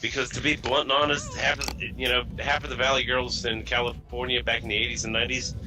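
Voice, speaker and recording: A man's voice: mid-range voice, flat delivery, fast, music in the background, low-quality recording. A man hosting a casual podcast chat, from the US East Coast, talking bluntly and rambling through stories. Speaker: podcast host.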